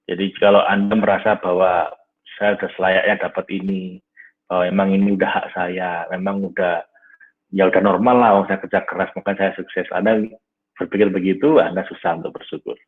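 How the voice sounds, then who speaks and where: Low, husky man teaching over a tinny line. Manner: warm, conversational lecturing, often says "Nah" and addresses "Bapak Ibu". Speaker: teacher of an online class. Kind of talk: live online class with questions from listeners. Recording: tinny phone-like audio.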